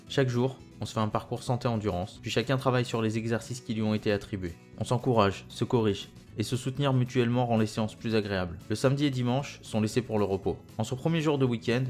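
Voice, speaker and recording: A young man calmly narrating a first-person story in a steady, scripted way. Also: fairly low pitch. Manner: calm, even storytelling in present tense. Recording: faint guitar music behind. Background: faint guitar music.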